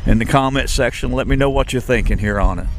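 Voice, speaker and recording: A travel vlogger with a medium-pitched voice talks fast, with a little hiss or hum in the audio. He gives casual walking-tour commentary outdoors at a shopping and entertainment complex, rambling with many fillers and restarts.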